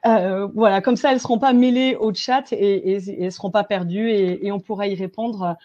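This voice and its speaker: Mellow-voiced woman hosting a webinar. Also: mid-range voice, fairly even intonation, fairly quick, muffled recording. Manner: upbeat, hesitant, many fillers. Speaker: webinar host.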